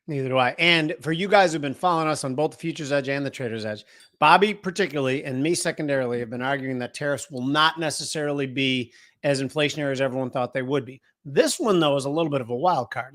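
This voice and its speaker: Guy cohosting a trading show, kinda high voice, jokey and laughing a lot. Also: fast. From United States. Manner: joking, animated, laughs often. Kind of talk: casual market chat.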